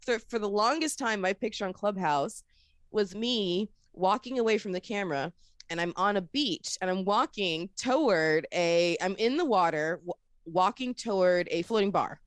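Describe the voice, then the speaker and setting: A woman's voice: mid-range voice, moderate pace, no echo, clean studio sound. A woman from Florida, an upbeat and chatty podcast producer who tells stories and laughs often as an interview guest. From Florida, USA. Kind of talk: casual interview chat.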